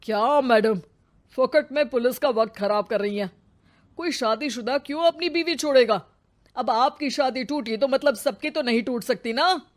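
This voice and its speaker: A woman's voice: sits high, normal speed, lightly acted. A woman voicing a stern male police officer in a cartoon, blunt and scolding.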